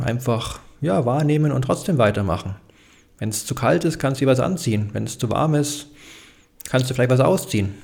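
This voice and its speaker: Male self-help speaker, low-pitched with a gravelly edge, calm and explanatory, addresses the listener directly. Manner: frequent thinking fillers. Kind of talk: motivational self-help talk.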